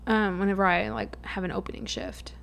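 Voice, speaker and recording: A woman's voice: medium pitch, fairly even intonation, a little fast, creaky. Chatty young woman podcast co-host. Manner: chatty, self-mockingly dramatic. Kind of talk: casual chat.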